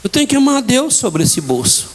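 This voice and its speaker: A middle-aged pastor with a Bahian accent preaches in a church, his voice sitting notably high for a man. He tells his own story with fervour and plays out each exchange in it. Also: sing-song, brisk. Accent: Bahian Portuguese. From Bahia, Brazil. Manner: fervent storytelling, acting out dialogue. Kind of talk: impassioned sermon with testimony.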